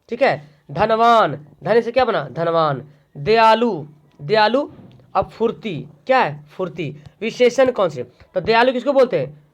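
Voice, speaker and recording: A man teaching an online exam-prep grammar lesson, asking questions and answering them himself. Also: high voice. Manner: drills by asking and answering his own questions. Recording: dull lo-fi recording.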